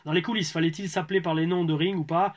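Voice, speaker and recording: A man's voice: on the high side, fairly even intonation, fast talker, muffled recording. A man, a former pro wrestler from France, chatting casually as he reads out viewer questions and answers them. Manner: loose, conversational, reads questions aloud, many fillers and restarts. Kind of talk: casual Q&A chat.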